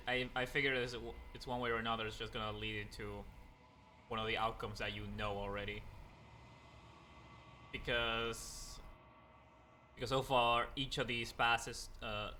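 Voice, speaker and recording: Gamer, man, very bright tone, casual and halting commentary, faint noise. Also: medium pitch. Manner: casual, hesitant, thinking aloud, laughs. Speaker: let's play gamer. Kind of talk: thinking aloud over gameplay.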